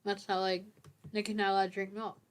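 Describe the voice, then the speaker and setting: A woman's voice: mid-range voice, little pitch movement, fairly quick. A woman hosting a casual writing livestream, playfully teasing her co-host and laughing often. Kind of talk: casual chat.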